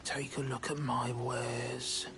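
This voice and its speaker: A man voicing a secretive hooded merchant in a game, in whispered role-play with a breathy, unvoiced whisper. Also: medium pitch, level tone, slow, a bit bright. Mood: hushed.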